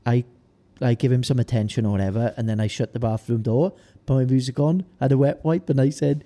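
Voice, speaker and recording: Casual chat and anecdotes come from a young man with a Welsh Valleys accent, from the South Wales valleys, who co-hosts a podcast and does amateur bodybuilding. He talks in a laddish, colloquial way, his mid-range, mellow voice fairly even in intonation and slightly quick.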